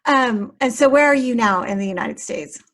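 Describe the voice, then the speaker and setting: A woman's voice: fairly high pitch, expressive, normal speed, fairly bright tone. A woman hosting an interview podcast, enthusiastic and gushing as she talks with her guest. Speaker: podcast host. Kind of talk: casual interview.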